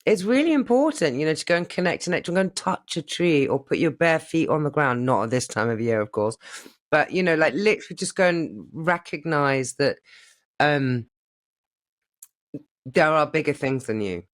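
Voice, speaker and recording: A man's voice: fairly high pitch, lively intonation, moderate pace. A man co-hosting a casual podcast chat, wry and philosophical, with self-mocking asides. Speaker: podcast co-host.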